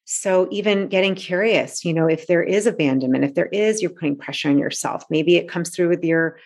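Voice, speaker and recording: A woman in her forties speaks with a fairly low voice. She talks earnestly and reflectively as a coach in a casual interview, sprinkling in fillers as she goes. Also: fairly quick, a little mellow. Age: 40s. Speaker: coach and author.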